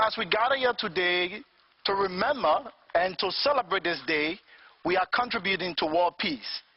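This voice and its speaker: A man's voice: high-pitched, husky, dull audio. A man from Liberia in his fifties, giving a formal, earnest speech as an invited speaker and posing rhetorical questions.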